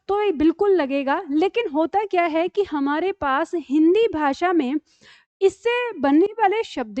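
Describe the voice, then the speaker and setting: High-voiced woman teaching Hindi letters. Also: no room sound, muffled recording. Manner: patient, repeats each syllable twice, frequent "theek hai". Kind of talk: online lesson, reciting syllables.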